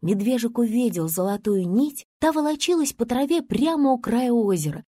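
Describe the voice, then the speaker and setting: A woman narrating a children's story in an animated storyteller manner, with a slightly breathy voice. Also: moderate pace, no room sound, clean studio sound. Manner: animated storyteller with big pitch swings. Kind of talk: expressive children's story reading.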